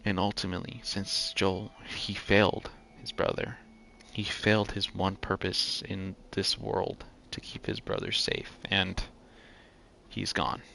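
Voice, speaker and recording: A man's voice: low-pitched, level tone, a little slow, vocal fry, sharp tone, slight background noise. A young man giving casual commentary on a game playthrough, musing and often restarting his sentences. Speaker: gamer comparing game and show.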